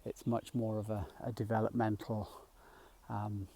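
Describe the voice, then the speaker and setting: A middle-aged man talking gently while walking outdoors, a little out of breath, rambling with fillers as he guides a mindfulness practice. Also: fairly low pitch, level tone, measured pace, slightly rough. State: slightly out of breath. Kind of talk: casual walking vlog. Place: outdoors in a field by a small woodland.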